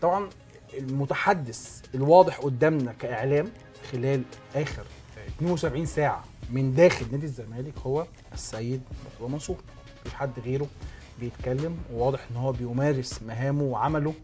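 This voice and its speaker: A man's voice: medium pitch, quick pace, darkish tone, soft background music. A man with an Egyptian Arabic accent hosting a sports talk show, explaining points emphatically, step by step.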